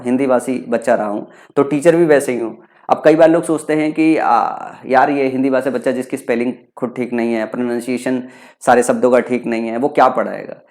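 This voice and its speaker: Gravelly and darkish, at medium pitch, this young man's voice carries a Bihari Hindi accent; he comes from Bihar, India. He is giving an exam prep lecture on English vocabulary, repeating and explaining terms, frequently asking a question and then answering it himself.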